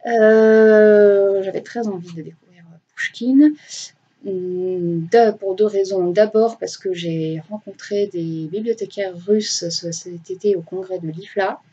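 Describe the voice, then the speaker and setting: A woman's voice: mid-range voice, takes it slowly, warm tone, husky, lo-fi sound. A young woman chatting casually about her reading weekend, rambling with many hesitations and self-corrections and poking fun at herself. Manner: self-mocking. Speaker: booktuber.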